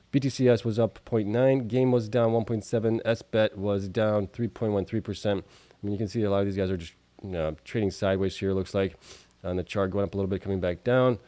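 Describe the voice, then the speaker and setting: A man hosts a stock market video show, giving a casual recap where he reads out figures informally and tosses in offhand asides. Allergies affect him slightly, so he coughs and sniffles. His voice is lowish and mellow, with no echo.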